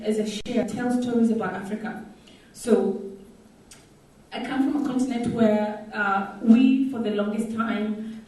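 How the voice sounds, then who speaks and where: A woman's voice: medium pitch, warm tone. A Kenyan woman giving a conference talk, engaging the audience with questions, recorded from a distance in a large hall. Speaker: conference speaker. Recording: echoey hall, distant mic.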